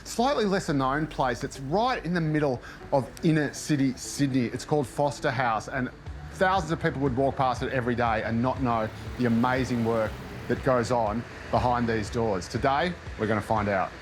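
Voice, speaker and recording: A man's voice: mid-range voice, moderate pace, noisy background. Upbeat male TV presenter. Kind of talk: scripted presenting.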